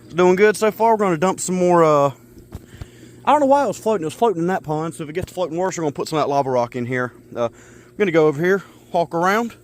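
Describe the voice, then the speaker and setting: A man with a fairly high, lively voice talks fast and out of breath, chatting casually as he tends his backyard fish ponds and narrates every chore. He's a pet keeper vlogger making a relaxed outdoor pet vlog. Loud hip hop backing music plays over his voice, with a little hiss or hum.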